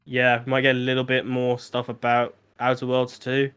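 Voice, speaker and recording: A man's voice: medium pitch, completely flat delivery, normal speed, fairly bright tone, clear, resonant tone. Rambling man in casual chat. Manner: rambling, lots of fillers and restarts. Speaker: podcast panelist.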